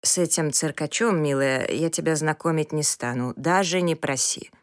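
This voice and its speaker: A woman voicing a weary old father who talks slowly and low, with tired sighs. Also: no room sound, studio quality, natural voice. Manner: slow, low, tired sighing delivery. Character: old weary father, gruff, slow-spoken musician.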